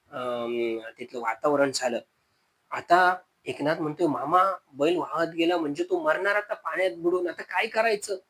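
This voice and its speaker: A man's voice: a little high, slightly rough, poor audio. A man telling a spoken horror story, calling his listeners friends and repeating words to build suspense.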